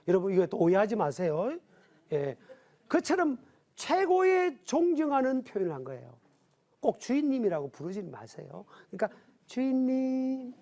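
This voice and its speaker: Middle-aged male pastor from Gyeongsang, TV Bible class teacher, high voice with wide swoops, quizzes the audience. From Gyeongsang region, South Korea. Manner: animated, asks the audience questions and answers them himself. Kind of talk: televised Bible lesson.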